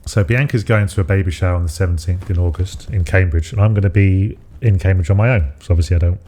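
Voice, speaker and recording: A man's voice: sits low, fast talker, dark tone. A man co-hosting a podcast in casual chat, rambling with many fillers and restarts. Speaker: podcast co-host.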